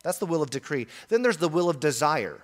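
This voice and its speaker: A man's voice: on the high side, very animated, brisk. A male pastor preaching a sermon in an earnest, emphatic way, often repeating key phrases.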